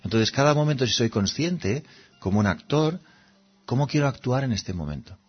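Husky-voiced man from teaching meditation. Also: mid-range voice, lively intonation, moderate pace, muffled recording, soft background music. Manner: conversational, asks rhetorical questions, acts out little scenes. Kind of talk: reflective spiritual talk.

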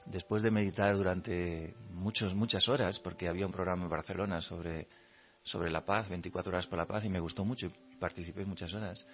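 Man, low and calm. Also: brisk, highs cut off. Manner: laughs often while telling stories, acts out quoted thoughts. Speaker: meditation speaker. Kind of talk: reflective talk with anecdotes.

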